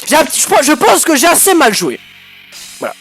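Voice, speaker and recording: Very high-voiced excitable young gamer man. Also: brisk, creaky, soft background music. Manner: excitable, crude, with sudden shouted outbursts. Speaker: gaming YouTuber. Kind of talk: let's-play commentary.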